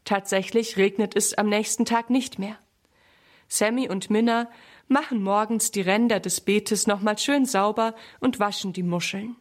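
Woman storyteller, mid pitch, clear even read-aloud for kids. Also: moderate pace.

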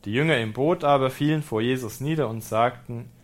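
A man, a priest, reads a Gospel passage and explains it in a reflective sermon, calm and lightly humorous. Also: medium pitch, fairly quick. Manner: German-speaking preacher. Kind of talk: sermon with scripture reading.

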